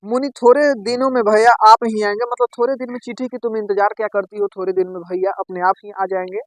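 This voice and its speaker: A man's voice: high voice, little pitch movement, quick pace, no echo, low-quality recording. A man teaching, reading a play aloud line by line and explaining each part in plain words. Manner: reads lines aloud, then explains them in plain words.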